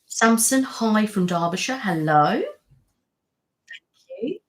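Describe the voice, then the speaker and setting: A woman with a medium-pitched, sing-song voice draws out her words while hosting a laid-back home live stream. She rambles chattily and answers viewers' comments.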